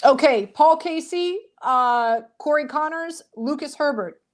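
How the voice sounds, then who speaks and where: High-voiced woman hosting a panel. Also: unhurried. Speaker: host. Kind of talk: hosting a sports betting panel.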